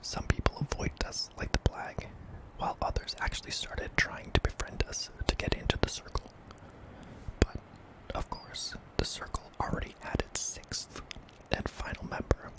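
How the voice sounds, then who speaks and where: A man narrating a scary story in a hushed, breathy ASMR whisper, deliberate and broken into short phrases. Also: low-quality recording. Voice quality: breathy, mostly unvoiced whisper with some creak.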